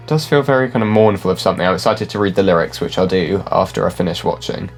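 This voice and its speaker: Brief: very low-voiced male music reactor, casual and analytical, hedges a lot, faint music under him. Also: fast talker. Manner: chatty, hedging, filler "like", musical terms. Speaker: classically trained musician reacting to songs. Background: faint music from the reacted video.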